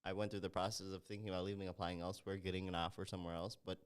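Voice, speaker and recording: A young man from Ethiopia co-hosts a podcast conversation. His voice is very deep and smooth, and he talks quickly, stacking up his points one after another in a measured way. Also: little pitch movement. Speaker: podcast co-host. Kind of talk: casual chat.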